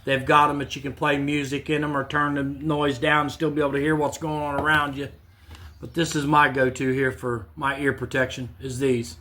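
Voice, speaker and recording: A man's voice: mid-range voice, moderate pace, slight background noise. A man hosting a woodworking channel, casually demonstrating in his home shop in a plainspoken, repetitive way. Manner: plainspoken, repeats himself, relaxed restarts.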